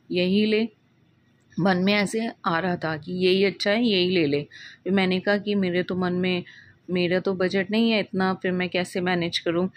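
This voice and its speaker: A woman of mid pitch tells a personal story in a casual, conversational way. She wanders through the telling, often breaking off and restarting her sentences as she remembers details. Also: a little hiss or hum. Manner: meandering, with frequent restarts and self-corrections. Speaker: devotee sharing a personal experience.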